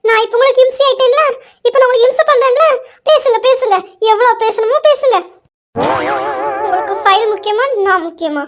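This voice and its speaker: A woman's voice: extremely high pitch, a little fast, fairly bright tone. A woman voicing a sulky, bratty young wife who whines and scolds to get attention, in a fan audio drama. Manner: whiny, teasing, scolding.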